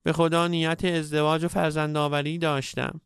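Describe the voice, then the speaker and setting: A man's voice: on the high side, little pitch movement, creaky, smooth, dry recording, studio quality, voice pushed up. A man voicing a timid, lovesick young man in a comic story, speaking meekly and pleading. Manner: meek, pleading.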